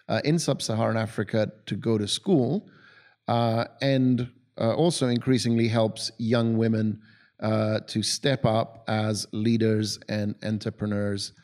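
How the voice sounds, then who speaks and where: A man's voice: lowish voice, a little mellow. Hesitant male podcast host. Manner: hesitant, many uh fillers. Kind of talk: podcast introduction and interview.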